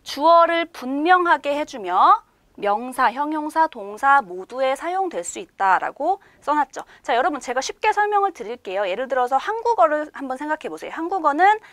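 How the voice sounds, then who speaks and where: A woman's voice: sits high, very animated, normal speed, a bit bright, dry recording. A woman giving an online language lecture, patiently explaining step by step and asking her students many questions. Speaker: language teacher.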